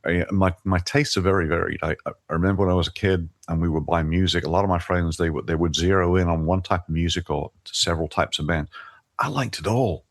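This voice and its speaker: An older man with a very deep voice talks as an interview guest. His speech is earnest and eager, full of little restarts. The sound is dry and close. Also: a little fast, no room sound. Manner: enthusiastic, earnest, repeats words when starting. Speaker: podcast guest. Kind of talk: conversational interview.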